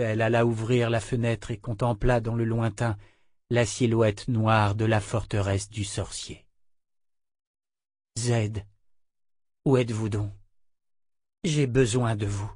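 A man reading a fantasy novel aloud as narrator, measured and steady. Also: medium pitch, dry recording, studio quality. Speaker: audiobook narrator. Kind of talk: scripted narration.

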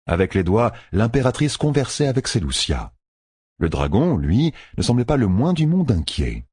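A man narrating an audiobook in an expressive, measured way, recorded close and dry. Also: medium pitch, breathy edge, dry recording.

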